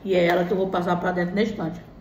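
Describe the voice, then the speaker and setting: Woman, Brazilian accent, slightly low voice, casual mukbang commentary, short remarks while eating, roomy sound, faint noise. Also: level tone, fast talker. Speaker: mukbang vlogger. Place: small indoor room at home.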